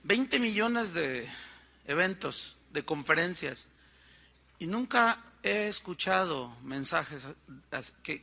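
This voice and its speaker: An older man with a Mexican accent preaching a sermon, telling a personal story in a conversational way and acting out the other people's words. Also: sits high. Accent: Mexican Spanish. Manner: animated, acts out quoted voices, conversational asides. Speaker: pastor.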